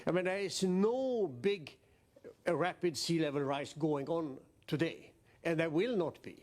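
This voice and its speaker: Older guy, pretty high voice, insists hard on his point. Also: measured pace, darkish tone. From Sweden. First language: Swedish. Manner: emphatic, insistent. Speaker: interviewed scientist.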